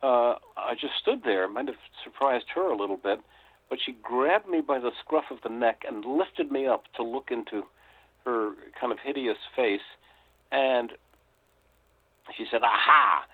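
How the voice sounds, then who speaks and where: An older man from the United States, a guest author telling a story reflectively with frequent pauses, heard over a tinny phone line. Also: medium pitch, animated, no echo. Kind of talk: storytelling interview.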